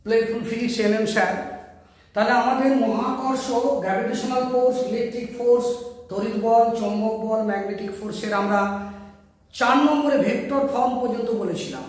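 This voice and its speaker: A man teaches physics, walking his students through each step and speaking straight to them. His voice sits very high. The recording is strongly echoey, as if taken in a bare room. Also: a little fast. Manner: explains step by step, addressing students directly. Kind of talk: blackboard physics lesson.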